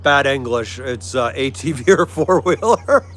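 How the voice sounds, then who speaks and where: Casually and agreeably chatting with his live audience, a friendly American livestream host from the United States speaks in an expressive, mid-range voice that's a bit bright. His pace is a little slow. A clear recording captures vehicle-like ambience behind him.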